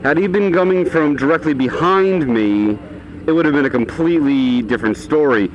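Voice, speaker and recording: A man's voice: on the high side, moderate pace. Man talking inside a motorcycle helmet, noisy. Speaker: motorcycle vlogger. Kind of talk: casual rambling vlog talk. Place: outdoors on a motorcycle in traffic. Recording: engine and road noise, inside a helmet.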